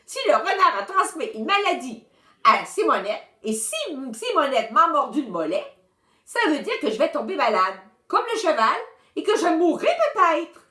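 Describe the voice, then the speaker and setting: Storybook read-aloud: a woman playing a dramatic little boy, shrill and pleading, bouncy pitch. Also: big pitch swings, moderate pace, sharp tone, full character voice. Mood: panicked. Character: panicky little boy twin, whiny and dramatic. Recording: roomy echo.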